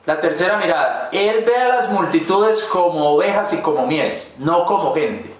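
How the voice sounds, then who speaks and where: A man's voice: a little high, lively intonation, normal speed. A man pastor preaching a sermon in a rambling, folksy way with asides to the congregation. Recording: very echoey church hall with faint noise.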